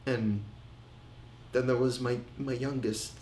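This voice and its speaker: A man playing a haunted, halting griever in a roomy space. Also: medium pitch, fairly even intonation, a little mellow, slight background noise, lightly acted. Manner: halting, repeats words, trails off. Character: grieving middle-aged man, haunted, hesitant. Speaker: man recounting family tragedy. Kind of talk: film monologue. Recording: roomy echo with faint ambience.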